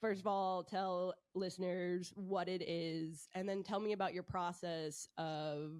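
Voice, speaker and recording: A woman's voice: on the low side, level tone, measured pace, darkish tone, clean tone, no echo. Bubbly woman host with a stuffy nose. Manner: bubbly, enthusiastic. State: stuffy nose from a head cold. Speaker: podcast host. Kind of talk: podcast interview.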